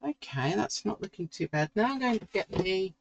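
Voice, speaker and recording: A middle-aged woman, slowly talking through a drawing as she works and musing to herself. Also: mid-range voice, lively intonation, creaky, lo-fi sound, heavy background noise. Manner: slow, musing, talks to herself while drawing. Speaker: art tutor. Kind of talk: relaxed painting tutorial.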